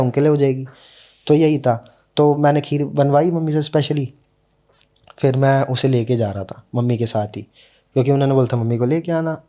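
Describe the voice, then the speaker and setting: Here a young man, guesting on a podcast, relates a personal experience. His medium-pitched voice is warm and mellow, and his casual, earnest telling slows down to give emotional moments room.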